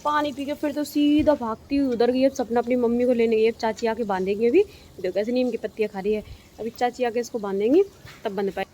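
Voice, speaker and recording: A woman's voice: on the high side, steady tone, fast talker, warm tone, poor audio. A young woman narrating her family's day at home in a rural house, chatty and repeating herself for emphasis. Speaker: family vlogger. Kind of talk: casual vlog narration. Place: rural home with cattle yard and kitchen.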